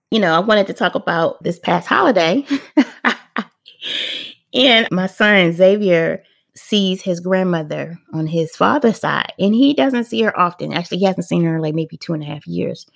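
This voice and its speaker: A woman's voice: mid-range voice, gravelly. Brief: middle-aged female parenting host, casual storyteller who acts out the quotes. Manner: animated, acts out quotes, laughs often.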